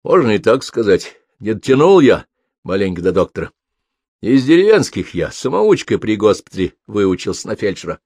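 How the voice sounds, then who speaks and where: A kindly grey-haired medic speaks calmly and reassuringly in a low voice, as a man reads him aloud. The recording is dry and close. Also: normal speed, husky, dry recording, heavily acted. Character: grey-haired hospital medic, kind and steady.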